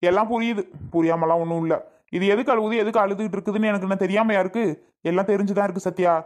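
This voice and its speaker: A woman playing an impatient grown son in a cartoon, voice lowered and fast-talking. He is blunt and dismissive. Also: steady tone, darkish tone, lightly acted. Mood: exasperated. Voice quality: blunt, exasperated. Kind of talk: animated cartoon voice acting.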